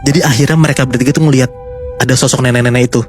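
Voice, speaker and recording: Fast-talking man telling horror stories. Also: medium pitch, steady tone, faint music behind. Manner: chatty, suspenseful, addresses co-hosts. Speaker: storyteller host. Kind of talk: casual horror storytelling.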